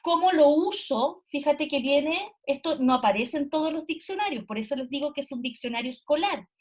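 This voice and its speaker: Woman teacher on video call, high voice, patient explainer. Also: lively intonation, a little fast. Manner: explanatory, frequent "¿cierto?" check-ins. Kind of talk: online class explanation.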